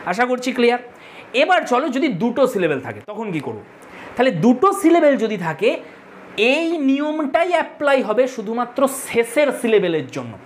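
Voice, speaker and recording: A woman's voice: a little high, sing-song, normal speed, slight background noise. A woman teaching an English grammar lesson to schoolchildren, explaining rules patiently and going over them step by step.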